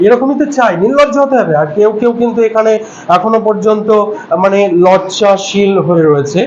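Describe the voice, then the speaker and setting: Young man teaching, high-pitched voice. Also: fairly quick, darkish tone, a little hiss or hum. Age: 20s. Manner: mixes Bengali and English, coaxing students. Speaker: English teacher. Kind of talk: classroom lesson. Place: classroom with students. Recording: dull low-fi room audio.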